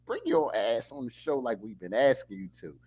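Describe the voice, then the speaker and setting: A man's voice: medium pitch, animated, normal speed, darkish tone, breathy edge. A man hosting a casual fan post-game show, talking emphatically and playfully. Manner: emphatic, playful, talks over others. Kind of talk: casual sports chat.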